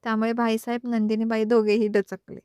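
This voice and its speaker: A woman narrating an audio story with an expressive reading style. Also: a little high, fairly quick, clear, resonant tone, no room sound, clean studio sound.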